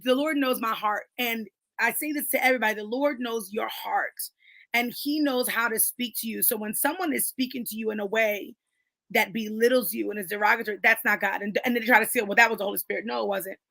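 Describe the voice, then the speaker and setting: Bright, animated woman sharing her faith. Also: a little high, quick pace, dry recording. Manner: animated, conversational, emphatic with many fillers. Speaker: book club co-host. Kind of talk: casual faith discussion.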